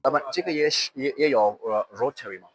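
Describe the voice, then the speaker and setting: A man's voice: medium pitch, fast talker, breathy edge, dry recording, soft background music. A man who is not a Chinese speaker, chatting casually and explaining products on site as he hosts a trade show tour. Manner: repeats short acknowledgements. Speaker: host touring a trade show. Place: indoor machinery exhibition hall.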